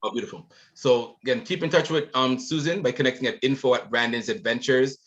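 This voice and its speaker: A man's voice: mid-range voice, fairly quick, a bit bright. A man hosting an online book launch, talking casually with many um fillers. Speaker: event host. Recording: dull lo-fi audio.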